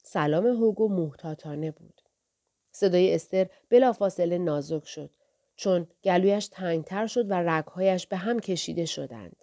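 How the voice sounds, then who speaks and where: A woman narrating an audiobook in a soft, measured way, sometimes dropping almost to a whisper. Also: fairly low pitch.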